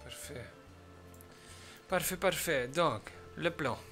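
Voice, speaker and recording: Gravelly man giving calm orders. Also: fairly high pitch, takes it slowly, soft background music. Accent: fake Italian accent. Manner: calm, commanding, lays out plans step by step. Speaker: mafia boss character in a role-play game. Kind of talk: in-character game role-play.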